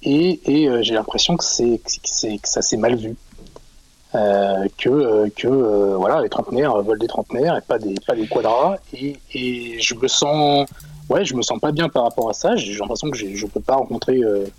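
A man in his forties calling in to a radio show, talking in a halting way with many pauses and fillers. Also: medium pitch, darkish tone, low-quality recording. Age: 40s. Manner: hesitant, halting, frequent fillers. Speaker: caller. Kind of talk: radio call-in chat.

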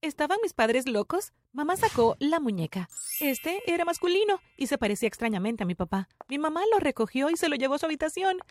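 A woman narrating a first-person story with a breathless, excitable delivery. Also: high-pitched, a little fast.

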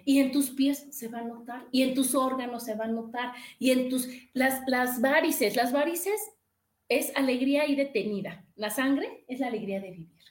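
Mexican woman, talk-show host and therapist, high voice, chatty and repetitive, in a roomy studio. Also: moderate pace. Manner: warm, lively, repeats phrases and asks "¿no?". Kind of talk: casual talk-show advice.

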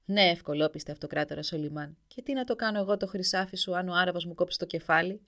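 A woman's voice: fairly low pitch, fairly bright tone. A woman voicing a mighty male hero who scoffs at offered gold. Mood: scoffing. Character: mocking male hero of great strength.

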